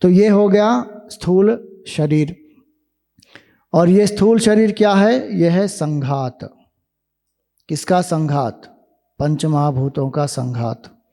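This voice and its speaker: A man giving a spiritual discourse, explaining ideas slowly with rhetorical questions to listeners in a hall. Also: a little high, creaky, dark tone. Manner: slow, deliberate, rhetorical questions. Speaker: spiritual teacher. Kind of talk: Vedanta discourse to youth camp.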